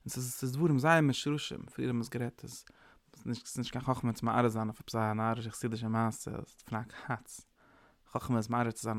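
A man's voice: mid-range voice, gravelly, dry recording. A man giving an informal, rambling sermon, mixing in English words. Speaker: preacher. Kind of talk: informal Yiddish-tinged sermon.

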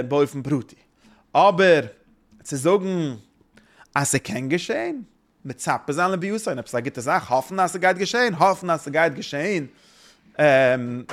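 A man giving an informal religious talk, rambling and halting, often repeating his phrases. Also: on the high side, a bit bright.

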